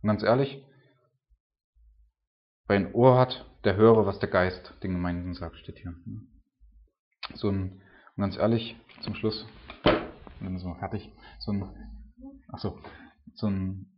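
A man's voice: deep voice, steady tone, measured pace, long pauses. A man preaching an informal sermon, talking casually and filling his sentences with "ne" and "so". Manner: casual, filler-heavy, with frequent "ne" and "so". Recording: dull lo-fi sound.

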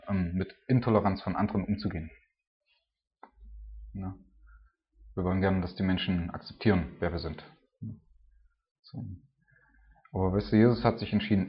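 A man preaching an informal sermon and leading a spoken prayer, talking in a colloquial, halting way with many filler words. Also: low voice, highs cut off.

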